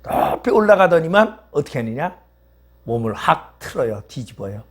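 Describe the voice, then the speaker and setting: A man's voice: on the high side, big pitch swings, normal speed. A male pastor preaching a sermon in a church, telling a story vividly and asking rhetorical questions.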